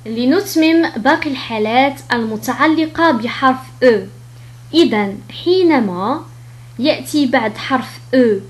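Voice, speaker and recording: Slow, high-voiced woman teaching pronunciation. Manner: spells out letters and repeats example words slowly. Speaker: French teacher.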